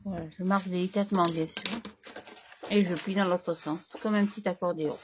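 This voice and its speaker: A woman hosting a crafting tutorial, chatting casually as she works, slightly hoarse and clearing her throat now and then. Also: lowish voice, steady tone, slight background noise. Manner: slow, chatty, talks to herself while working.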